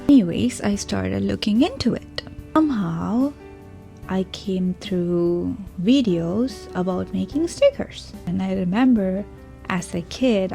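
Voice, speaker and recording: A young woman, telling her own story in a casual, earnest vlog with soft whispered asides. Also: medium pitch, creaky. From Sri Lanka. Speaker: vlogger, small business owner.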